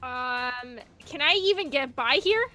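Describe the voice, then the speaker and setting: A woman's voice: sits high, expressive, unhurried, pushed and bright, faint music behind. A woman chatting casually as a player in a tabletop game.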